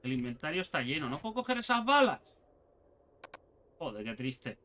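A young man with a Spain Spanish accent giving excitable let's play commentary, talking to himself and the game and swearing casually. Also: a little high, normal speed, slight background noise. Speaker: gaming channel host.

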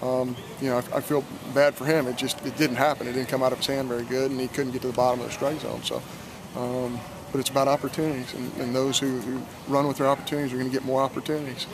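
A man's voice: mid-range voice, flat delivery, fast talker, background noise. A middle-aged man, a head baseball coach, gives an earnest postgame interview at a stadium at night, often repeating words as he restarts.

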